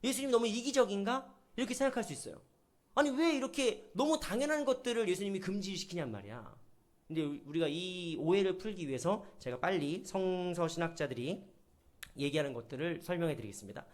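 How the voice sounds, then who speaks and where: Man, middle-aged, pastor, sermon, animated, high-pitched. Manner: animated, acts out quoted voices.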